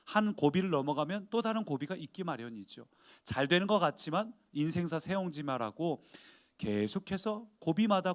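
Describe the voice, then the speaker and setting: Guy pastor giving a sermon, pretty high voice, chatty, keeps asking the crowd stuff. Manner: conversational, asks the congregation questions.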